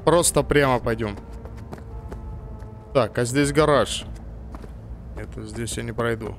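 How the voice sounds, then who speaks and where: A man casually commenting on a video game as he plays. He has a medium-pitched voice and an informal, slangy way of talking. Faint music is heard behind him. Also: takes it slowly, gravelly. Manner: informal, uses diminutives and swearing. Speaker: gamer, let's play host.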